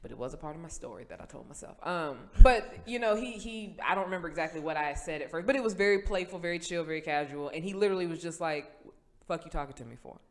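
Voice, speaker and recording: Young woman on a chill podcast, lowish voice, keeps acting out quotes with big swings up and down. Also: quick pace, hardly any pauses. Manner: animated storyteller, acts out quotes with big pitch jumps. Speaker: podcast host. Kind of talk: casual conversational podcast.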